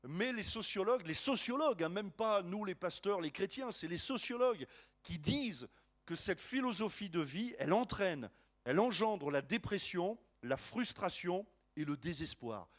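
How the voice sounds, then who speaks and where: A man preaching a sermon as a pastor, lively and joking, with many restarts and asides to the congregation. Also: sits high, moderate pace.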